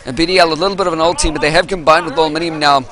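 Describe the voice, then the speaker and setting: A man casting a live esports match, excitable and rambling, losing his voice, at a venue with an audience. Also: on the high side, racing, some chatter behind. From New Zealand. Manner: excitable, rambling, self-interrupting. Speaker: esports caster.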